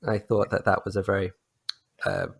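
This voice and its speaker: A man's voice: fairly low pitch, big pitch swings, moderate pace, vocal fry, husky. A man hosting a podcast interview, searching for words with many restarts. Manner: hesitant, searching for words, appreciative. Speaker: podcast host. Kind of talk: casual interview chat.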